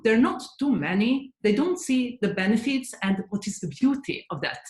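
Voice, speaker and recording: A woman's voice: fairly high pitch, expressive, moderate pace, darkish tone, echoey room. A woman in her forties from Serbia with a Serbian accent, answering interview questions earnestly and thoughtfully, with frequent hesitations. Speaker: guest, head of software development.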